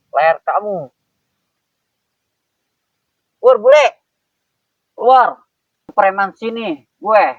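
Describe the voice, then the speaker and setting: A man playing a hot-headed adult male thug boss who shouts crude insults and repeated threats. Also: sits high, creaky, dry recording, exaggerated voice. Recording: dull, dry lo-fi audio.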